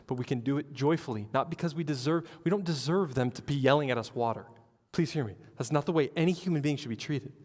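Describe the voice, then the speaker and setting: Male pastor, mid pitch, animated sermon delivery, reverberant church hall. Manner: animated storytelling with acted-out quotes.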